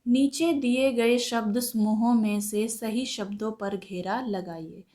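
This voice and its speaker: Slow, careful woman teacher. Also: fairly high pitch, mellow. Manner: slow, deliberate, reads aloud then explains word by word. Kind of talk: Hindi textbook lesson.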